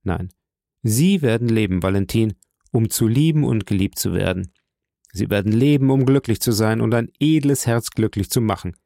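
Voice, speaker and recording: A grave, commanding nobleman, read by a man in an audiobook, speaking with measured solemnity. The voice is low and gravelly, dark in tone. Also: animated, no room sound, studio quality. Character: calm, commanding older nobleman protector. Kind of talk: audiobook character reading.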